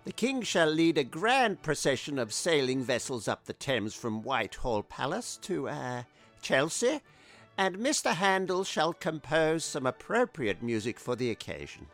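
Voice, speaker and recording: Man playing a fussy council chairman, formal, hems and haws, high lively voice. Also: unhurried, faint music behind, heavily acted. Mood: officious. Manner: throat-clearing, formal. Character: fussy male council chairman, officious and polite.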